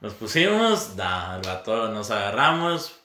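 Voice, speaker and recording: A man's voice: lowish voice, very animated, a little slow, bright, forceful tone. A nineteen-year-old Mexican man in casual chat, laid-back and teasing. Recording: roomy echo.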